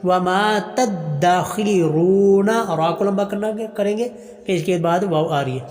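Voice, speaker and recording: High-voiced man teaching Quran recitation. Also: darkish tone, long reverb tail. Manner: slow melodic recitation alternating with quick explanation. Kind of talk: Quran pronunciation lesson, chanting verses then explaining.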